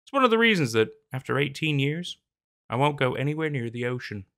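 Seated at a desk in a small room with a green screen behind him, a young man tells a horror story and then shifts into loose, rambling chat full of fillers, restarts and hesitation. His mid-range voice is sing-song, brisk and fairly bright.

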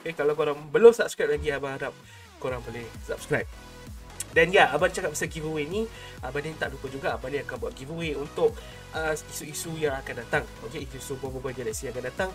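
A young Malaysian man with a slightly high voice hosts a casual vlog. He speaks informally and chattily to his viewers, close to the mic in a home room, with music playing behind him. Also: fast. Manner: informal, chatty, addresses viewers as an older brother. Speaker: YouTube channel host. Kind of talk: casual vlog talk to subscribers. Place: small home room, indoors. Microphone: close desk microphone. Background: background music.

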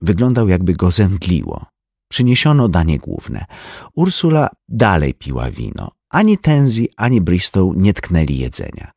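A man reading a crime novel aloud in an expressive storytelling manner. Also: deep voice, unhurried, gravelly, breathy edge, dry recording, clean studio sound. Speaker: audiobook narrator. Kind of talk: scripted narration.

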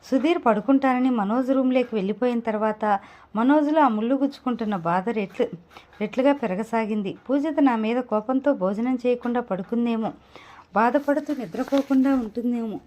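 A woman narrating an audio novel in a steady, measured storytelling manner. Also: fairly high pitch, a little hiss or hum. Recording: dull lo-fi recording.

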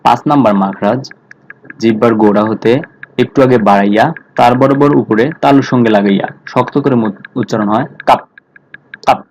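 A man teaching Quran recitation, slowly repeating Arabic letter sounds and explaining where each is made in the throat and mouth. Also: mid-range voice, fairly even intonation, darkish tone, slight background noise. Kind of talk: slow tutorial on Arabic letter articulation. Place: mosque. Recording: slightly dull lo-fi audio.

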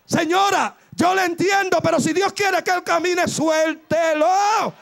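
A man preaching a fervent Pentecostal sermon who shouts and exhorts in bursts, repeating his phrases. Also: very high-pitched, steady tone, moderate pace, vocal fry.

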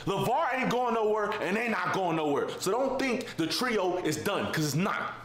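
A man's voice: high voice, expressive, moderate pace, fairly bright tone. A man in his twenties chatting casually in a living room, laid back and full of slang, saying "bro" at the end of lines. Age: 20s. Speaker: basketball player. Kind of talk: casual vlog chat. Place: living room with kitchen behind. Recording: very echoey room, faint hiss.

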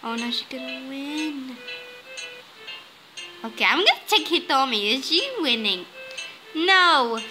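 A woman giving casual commentary while playing a card game, excitable and bursting into squeals and complaints. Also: high-pitched, slow, long pauses, rough recording. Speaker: gaming video host. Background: game music.

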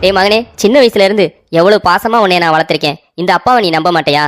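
A woman's voice: lowish voice, fast, close to an everyday voice. A woman voicing a sentimental, doting elderly father in a cartoon story, talking with melodramatic, pleading emotion. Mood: hurt.

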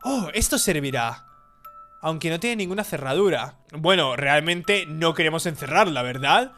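A man voicing a calm, passive teenage brother in a horror game who talks in a flat, reluctant, hesitant way. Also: fairly high pitch, moderate pace, faint music behind, voice pushed down. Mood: doubtful.

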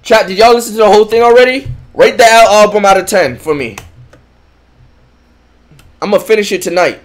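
A man's voice: sits high, a little fast. A young man streaming his reaction to a rap album, talking casually with heavy slang and lots of repeated exclamations. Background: music playing.

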